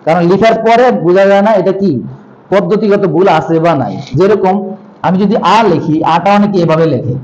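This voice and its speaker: Male teacher, high voice, patient stepwise explaining, lo-fi recording. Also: darkish tone. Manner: explains step by step, repeats syllables aloud slowly. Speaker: language teacher. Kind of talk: classroom lesson on writing. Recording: dull lo-fi sound.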